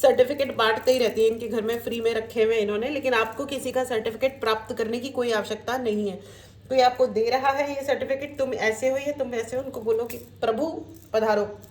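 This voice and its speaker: A woman's voice: on the high side, fairly even intonation, fast talker. A woman giving a spiritual tarot reading, mixing English into her talk and speaking straight to her viewers as friends. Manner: mixes Hindi with English, addresses viewers as friends, warm reassuring asides. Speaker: tarot reader. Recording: echoey room with faint background noise.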